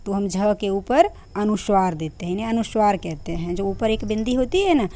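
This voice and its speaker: A woman teacher walks the class through a grammar lesson at an easy, patient pace. Her voice is soft and mellow, and she pauses on fillers and asks the students questions as she goes. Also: mid-range voice, expressive. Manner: patient explaining, many fillers and rhetorical questions.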